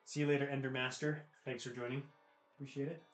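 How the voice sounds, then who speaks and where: An American man hosts a livestream, chatting with viewers in a laid-back, slangy way. He talks quickly at medium pitch in a level tone. The recording has a roomy echo, with guitar music playing behind him.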